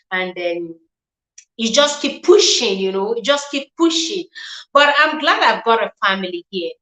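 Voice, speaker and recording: A woman's voice: on the high side, fairly bright tone, reverberant, poor audio. A woman with a Nigerian accent hosting a casual livestream chat, emotional and chatty, thanking viewers by name. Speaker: livestream host.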